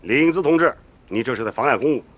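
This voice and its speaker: An actor playing a brusque, authoritative police section chief. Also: male voice, mid-range voice, animated, quick pace, a bit bright, a little hiss or hum, close to an everyday voice. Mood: stern.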